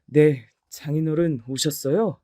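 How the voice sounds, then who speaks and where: A harsh, bullying husband who makes threats, read by a woman storyteller. The voice stays lowish and the sound is dry and close. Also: steady tone, unhurried, dark tone, dry recording. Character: angry bullying husband in his thirties.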